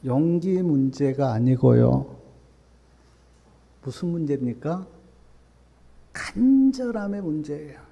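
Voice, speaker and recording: A male pastor preaches in a fairly high, mellow voice. He drops to soft, low asides, then rises to loud, emphatic appeals. His voice carries a long reverb from the church hall. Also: animated, slow pace, vocal fry, pauses often, breathy edge. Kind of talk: sermon.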